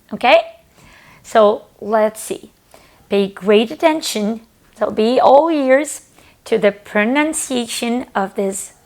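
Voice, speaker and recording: A woman teaching an English lesson, speaking slowly and clearly and repeating words for learners to copy. She is from Romania. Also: a little high.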